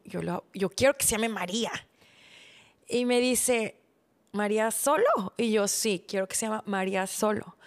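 A woman in her thirties tells her own story on a podcast. She acts out conversations with lively energy, then drops to a hushed, soft voice for the hard parts. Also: on the high side. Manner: animated, acts out dialogue, trails off softly when recalling illness. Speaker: podcast host. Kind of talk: personal storytelling.

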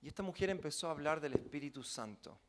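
A man's voice: on the high side, lively intonation, fast talker. A man interpreting a sermon live, following each phrase closely with occasional fillers.

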